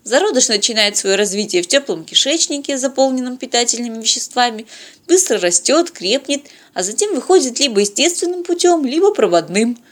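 A woman's voice: fairly high pitch, very animated, brisk, pitched above the performer's own voice. Woman doing a chatty young spacefarer woman. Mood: musing. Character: young woman crew member, chatty zoologist.

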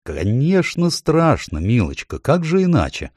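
A man voicing a gentle, motherly female beaver in an audiobook, speaking in a soothing, sympathetic way. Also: mid-range voice, wildly swooping pitch, a little slow, breathy edge, no echo, studio quality, pitched above the performer's own voice, full character voice. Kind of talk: audiobook character voice.

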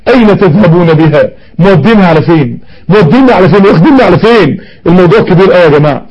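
A man's voice: sits high, a little mellow. Egyptian male preacher, urgent and emotional sermon, racing delivery, muffled lo-fi sound. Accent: Egyptian Arabic.

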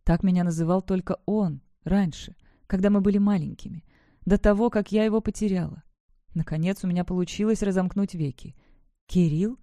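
An expressive audiobook reader narrating a novel in the first person with a dramatic touch. The voice is mellow and unforced, recorded dry and close with no room sound. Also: medium pitch, no room sound.

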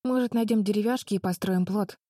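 A woman's voice: medium pitch, fairly quick, dark tone, no room sound, clean studio sound, pitched above the performer's own voice, close to an everyday voice. A woman voicing Betty, a determined eldest sister who urges the others firmly. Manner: firm, urging, through clenched teeth.

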